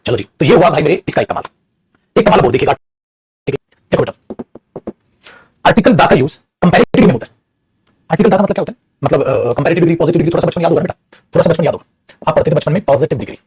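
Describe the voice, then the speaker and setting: A man's voice: a little high, expressive, very fast, pauses often, darkish tone, slightly rough. A man with a Bhojpuri-tinged Hindi accent teaching English grammar to students in a classroom lesson, switching between Hindi and English and calling his students beta.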